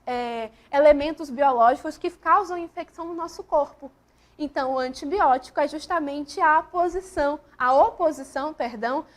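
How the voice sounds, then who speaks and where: A woman teaching a school grammar lesson, walking through examples step by step and often putting questions to the class. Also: high voice. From Brazil.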